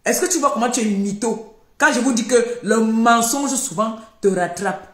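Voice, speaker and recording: Older woman, high-voiced accusing rant, echoey room. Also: normal speed, a bit bright. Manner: scolding, accusing, repeating herself. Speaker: live streamer. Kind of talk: heated live-stream rant.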